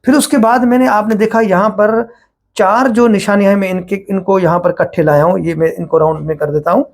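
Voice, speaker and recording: His voice is high and steady: a Quran teacher from Pakistan, Pakistani-accented, patiently explaining at a whiteboard and weaving in English terms.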